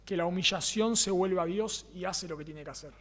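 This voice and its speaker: A man's voice: sits high, a little fast, a bit bright, long reverb tail. A man with a Rioplatense Spanish accent preaching a sermon as pastor, earnest, repeating key phrases and asking the congregation rhetorical questions. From Argentina. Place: church.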